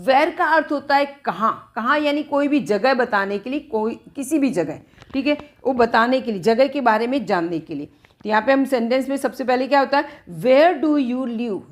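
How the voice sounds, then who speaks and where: A woman teaching English grammar in Hindi, who reads each English example slowly and repeats it. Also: high-pitched. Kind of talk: spoken grammar lesson.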